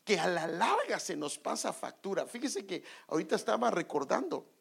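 Raspy, gravelly Guatemalan preacher man. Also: sits high, normal speed. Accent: Guatemalan Spanish. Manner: animated storytelling, drops to whispers for inner thoughts. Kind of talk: sermon with personal story.

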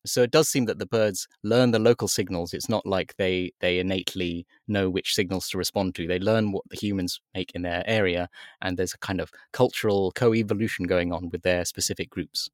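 A man explains a science story with real enthusiasm, in a relaxed conversational way that stumbles over a few words. His voice sits fairly low, recorded dry and close. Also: brisk, dry recording. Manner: enthusiastic, with fillers and restarts. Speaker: magazine editor, guest.

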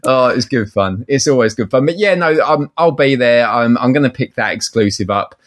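A man with an Essex accent in a casual chat. He talks in a colloquial, matey way, with a middling pitch, like someone swapping stories with a friend. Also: animated, a little fast. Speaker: guest, toy collector.

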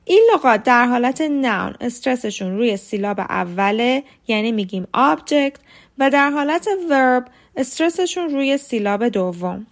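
A woman hosting a short podcast lesson, speaking clearly and deliberately and slowing down to spell out and model words. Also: a little high, expressive. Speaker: podcast host and English teacher.

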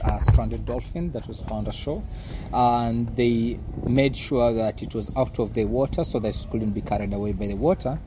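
A man, a scientist explaining his work in a measured, matter-of-fact interview style. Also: mid-range voice, background noise. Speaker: marine conservation scientist.

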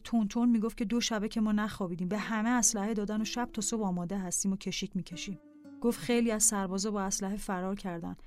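A woman narrating a personal diary in a calm, scripted reading voice over faint music. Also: mid-range voice.

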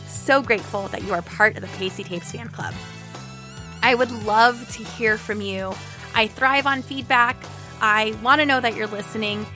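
A woman hosting a podcast, effusive and grateful, often repeating her words for emphasis as she signs off and makes announcements. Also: on the high side. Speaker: podcast host. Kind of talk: heartfelt podcast sign-off and announcements.

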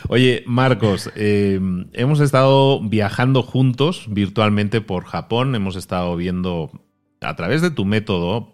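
A middle-aged man hosts a relaxed podcast chat in a lowish voice. He talks animatedly, laughs often and drops to quieter asides. Soft music plays faintly behind him. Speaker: podcast host. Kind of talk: casual podcast conversation.

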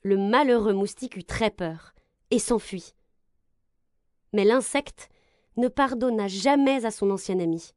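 A woman reading a children's story aloud, with expressive, gentle narration. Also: medium pitch, a little slow, long pauses, dry recording, clean studio sound.

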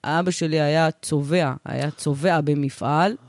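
A man's voice: a little high, fairly even intonation, dry recording, clean studio sound, lightly acted. A man playing a brash, boastful woman bus driver in comic banter, with slangy, emphatic, swaggering talk. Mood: nostalgic, deadpan boasting. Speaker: bus driver character in comedic chat. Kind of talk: improvised comic character banter.

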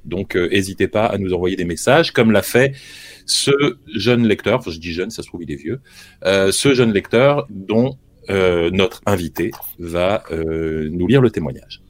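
A man's voice: deep voice, measured pace. A man hosting a casual show, making spontaneous announcements in a hesitant way, repeating words as he goes. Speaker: show host.

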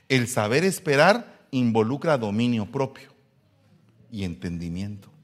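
Animated man preaching a sermon. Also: mid-range voice. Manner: animated preaching, swings from hushed to shouted; humorous asides to the congregation. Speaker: pastor.

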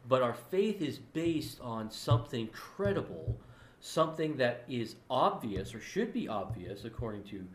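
Male co-host, earnest and explanatory, stumbles and restarts, mid pitch, roomy echo. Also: very animated, unhurried. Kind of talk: casual theological discussion.

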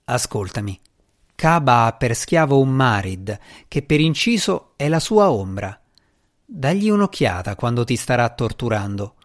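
A man's voice: mid-range voice, big pitch swings, measured pace. A man voicing a sarcastic, boastful male djinni spirit in the shape of a boy, reading an audiobook with mocking, theatrical sarcasm. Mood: sardonic.

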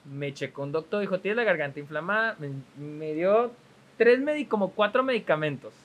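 High-voiced hoarse man. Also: fast talker, muffled recording. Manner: animated storytelling, swearing, acting out quoted exchanges. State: hoarse from a lingering cough. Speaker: podcast host. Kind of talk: casual chat.

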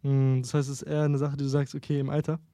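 A man's voice: medium pitch, completely flat delivery, dark tone, dry recording, clean studio sound. A young man hosting a casual podcast chat, asking questions and cutting in to make his point. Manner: quick, pushes questions, interrupts. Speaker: podcast host.

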